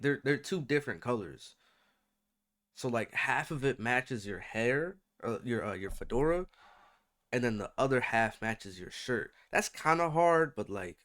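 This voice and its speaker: A man's voice: medium pitch, fairly bright tone. Slangy man with very swoopy delivery. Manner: slangy, exclaiming, repeats himself. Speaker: reaction video host. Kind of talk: casual reaction commentary.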